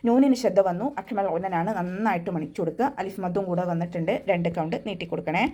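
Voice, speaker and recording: A young woman teaching Quran recitation in an online class, explaining each step patiently and adding gentle reminders. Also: on the low side, quick pace. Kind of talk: online tajweed class instruction.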